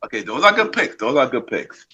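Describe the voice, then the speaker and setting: A man's voice: medium pitch, big pitch swings, fairly quick, sharp tone, breathy edge, dull audio. A man hosting a podcast, interviewing a guest in a laid-back way, often repeating his phrases. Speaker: podcast host. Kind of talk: casual interview.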